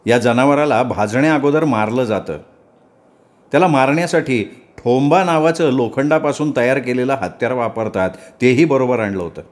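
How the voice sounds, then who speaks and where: A man narrates a memoir novel in a steady, measured way. His voice sits at an ordinary middle pitch, and he reads in the first person as a practised storyteller. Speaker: storyteller reading a novel aloud.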